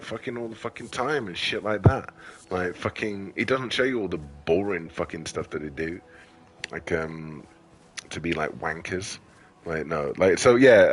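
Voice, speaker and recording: Low-voiced, tired, swearing man ranting. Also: a little hiss or hum, rough recording. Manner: rambling, heavily profane, frequent fillers. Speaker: gaming video creator. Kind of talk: casual ranting commentary over gameplay.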